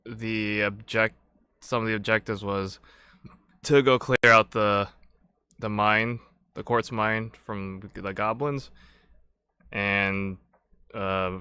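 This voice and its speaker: A man's voice: on the low side, bright, forceful tone, clear, resonant tone, no room sound. A man running a tabletop game as game master, recapping and narrating in a loose, meandering way.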